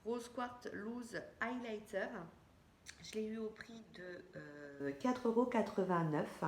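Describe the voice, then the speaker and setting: A woman's voice: medium pitch, takes it slowly, a little mellow. A woman in a casual, friendly beauty vlog, chatting straight to her viewers as she shows a makeup haul. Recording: echoey room with faint background hiss.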